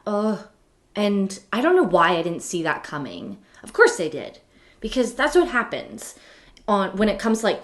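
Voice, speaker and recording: A woman teaching other teachers on a casual live stream from her home office, chatty, laughing often and stopping to correct herself. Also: medium pitch. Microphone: computer webcam mic.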